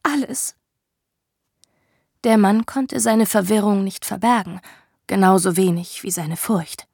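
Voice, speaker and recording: A woman narrating a dramatic story in a slow, hushed manner. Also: mid-range voice, steady tone, vocal fry, husky, no room sound, studio quality.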